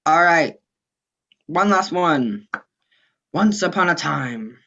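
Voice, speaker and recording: A woman's voice: deep voice, lively intonation, slow pace, sharp tone, full character voice. A woman playing an appalled fellow storyteller in comic stage dialogue. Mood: appalled, resigned. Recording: dull, muffled stage recording.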